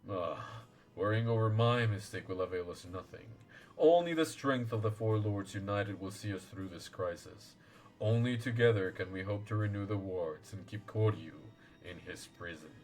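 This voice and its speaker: Ancient turtle guardian for a fantasy game, acted by a man: deep-set, grave, archaic and formal. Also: moderate pace, natural voice, low-quality recording. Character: solemn old male turtle guardian, wise and courtly.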